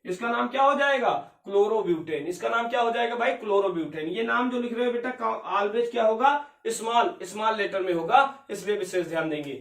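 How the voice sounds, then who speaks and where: A man's voice: sits high, animated, brisk, few pauses, a bit bright. A male chemistry teacher lecturing a class, firing questions at his students and answering them himself, calling them beta and bhaiya. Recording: echoey room, voice from far off.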